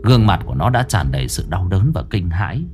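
Man, horror story narration, dramatic, lowish, lively pitch. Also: fast, faint music behind.

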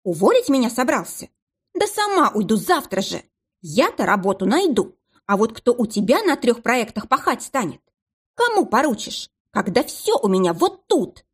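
A woman's voice: on the high side, sing-song, normal speed, breathy edge, voice pushed up. Woman voicing a scornful defiant office worker. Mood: scornful tirade. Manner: scornful, cutting. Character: sharp-tongued defiant young female office worker.

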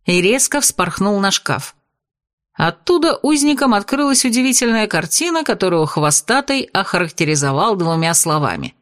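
A woman reading fiction aloud in a lively, dramatic narrating manner. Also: on the low side. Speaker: audiobook narrator.

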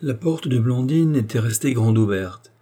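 A man calmly narrating a children's tale as an audiobook. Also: mid-range voice, moderate pace.

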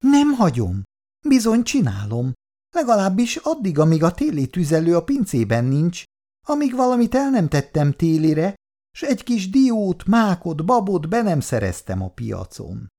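An actress playing a stubborn, dreamy elderly housewife in a 1960s radio drama, her voice jumping high when she is emphatic. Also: very animated, dark tone. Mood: insistent. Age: older. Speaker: Mrs. Szabó.

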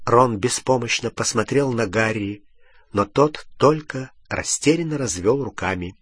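A man narrating an audiobook in an expressive, measured reading. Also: mid-range voice, breathy edge, no room sound. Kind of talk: scripted narration.

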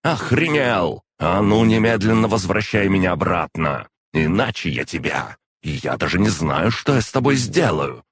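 A man reading an audiobook and voicing a furious, imperious female demoness who shouts and scolds. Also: a bass voice, moderate pace, hardly any pauses, breathy edge, dry recording, studio quality. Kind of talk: audiobook narration.

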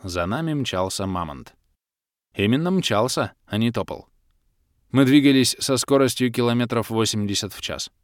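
Guy reading an audiobook, really animated voice, dead dry close mic. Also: medium pitch, moderate pace, dry recording. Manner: lively first-person storytelling. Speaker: narrator. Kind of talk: audiobook narration.

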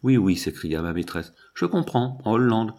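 A man's voice: lowish voice, animated, moderate pace, dark tone. A man reading a coaxing young woman. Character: young woman, lively, affectionate, fond of diamonds. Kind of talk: audiobook reading.

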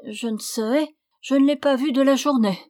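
A woman putting on a high, whining treacherous maid. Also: normal speed, mellow, dry recording, clean studio sound, close to an everyday voice. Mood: feigned sickly. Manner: whiny, plaintive, insistent. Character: scheming young maidservant feigning sickness.

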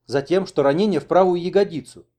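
Guy voicing a bossy young woman giving orders, pitched up. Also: mellow, close to an everyday voice. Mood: brisk. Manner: brisk, decisive. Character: young woman, brisk and commanding.

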